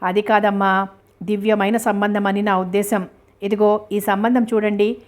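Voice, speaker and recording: A woman reading the part of a talkative older male marriage broker who pitches a match in a chatty, persuasive way. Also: level tone, moderate pace, lightly acted.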